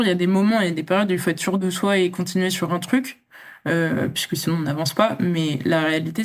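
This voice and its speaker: A young woman from France, a champion athlete speaking as an interview guest, talking in a reflective, casual way with many fillers and restarts. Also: lowish voice.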